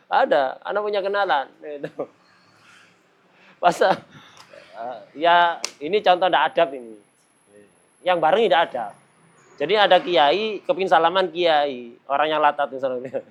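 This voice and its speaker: A high-pitched man leads a religious study lesson, speaking. He teaches in a playful way, laughs often, and breaks into sudden mimicry to act out his examples. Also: a little slow, pauses often, highs cut off.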